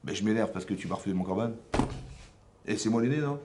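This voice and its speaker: A man's voice: fairly low pitch, fast, very noisy, voice pushed down, close to an everyday voice. A man playing an indignant elder brother. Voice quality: indignant, protesting.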